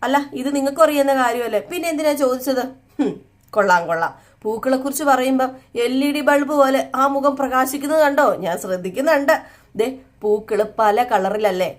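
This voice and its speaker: A woman voicing a loving young husband who gently reassures his wife. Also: sits high, brisk, voice pushed up, close to an everyday voice. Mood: reassuring. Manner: soothing, reassuring.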